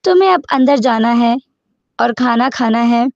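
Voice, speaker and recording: A woman's voice: fairly high pitch, lively intonation, gravelly, no room sound. A woman reading the lines of a stern, protective young man who scolds, in a dull lo-fi recording.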